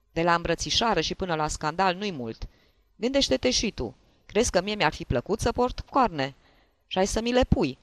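Brief: man playing a blustering, tipsy jealous husband, raised and loud, dry close sound. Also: on the high side, no echo. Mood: lecturing. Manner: shouting, scolding. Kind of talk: audiobook character voice.

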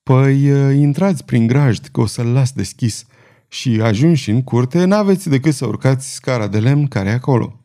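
A man's voice: medium pitch, warm tone, close to an everyday voice. Helpful inn maid, simple and direct, read by a man. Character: plain-spoken inn maidservant, helpful.

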